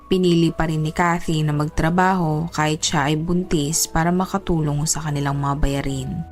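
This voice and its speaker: A woman with a notably low voice tells a true-crime story in a steady, scripted way. Faint music runs quietly under her narration.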